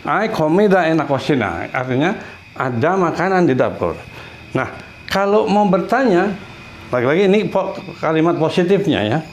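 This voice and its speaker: A man teaching a beginner Spanish lesson in a casual, patient way, repeating his examples slowly and clearly. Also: fairly high pitch, sing-song, slight background noise.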